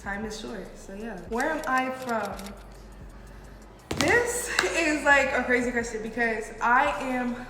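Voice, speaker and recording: A woman's voice: on the high side, expressive, takes it slowly. A young woman from the United States with a cold and a stuffy, blocked nose, chatting casually and informally as she answers questions for a vlog. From United States, partly New York City. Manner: informal, frequent "like". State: sick with a head cold. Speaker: video blogger. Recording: echoey reverberant room with music.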